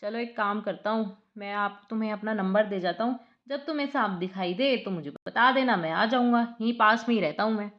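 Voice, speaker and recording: A woman's voice: mid-range voice, a little fast, few pauses, dull audio, close to an everyday voice. A woman voicing a self-important old male snake charmer in a retold story. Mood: proud.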